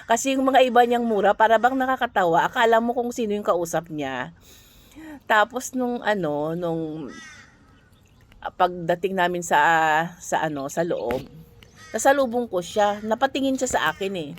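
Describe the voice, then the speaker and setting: A woman from the Philippines working abroad, telling an earnest, conversational story straight to her viewers. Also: fairly high pitch. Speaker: overseas worker and vlogger. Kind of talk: casual storytelling monologue.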